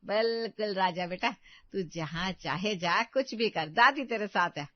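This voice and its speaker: A woman's voice: medium pitch, a little slow, no room sound, voice pushed down, lightly acted. A woman voicing a domineering old grandmother in a cartoon who spoils her grandson and scolds her daughter-in-law. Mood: doting. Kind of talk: cartoon voice acting. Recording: dull dry recording.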